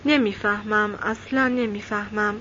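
A woman's voice: mid-range voice, fairly even intonation, pushed and bright, muffled recording, a little hiss or hum, natural voice. A woman reading aloud and voicing an anxious young village man who pleads with his friend. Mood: worried pleading.

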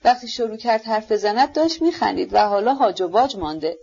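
A woman putting on a flustered high-voiced noblewoman. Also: expressive, creaky, warm tone, breathy edge, highs cut off, heavily acted. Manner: flustered, scolding questions. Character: fussy bewildered older noblewoman, the general's wife.

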